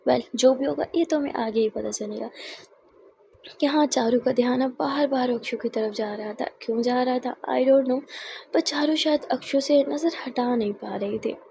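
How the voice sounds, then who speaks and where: A woman narrating a romance story with a high, mellow voice. She reads in a conversational manner and adds casual asides of her own. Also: moderate pace, gravelly, slight background noise.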